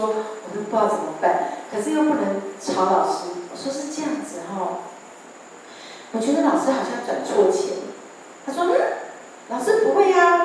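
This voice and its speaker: A woman, sharing a church testimony as an animated storyteller who acts out the dialogue. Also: fairly high pitch, slight background noise. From Taiwan. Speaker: church testimony speaker and gospel singer. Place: church sanctuary. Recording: echoey hall picked up from a distance.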